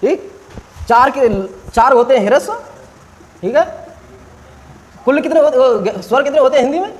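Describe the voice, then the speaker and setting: Very high-voiced male teacher. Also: moderate pace, low-quality recording. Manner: quizzing students, stretching vowels to demonstrate. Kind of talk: classroom Hindi grammar lesson.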